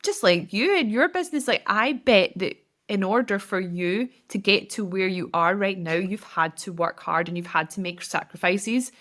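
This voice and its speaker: A woman's voice: medium pitch, lively intonation, normal speed, a bit bright. A woman, giving casual, direct podcast advice as a business coach, with lots of "like". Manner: chatty, direct, filler-heavy with frequent "like".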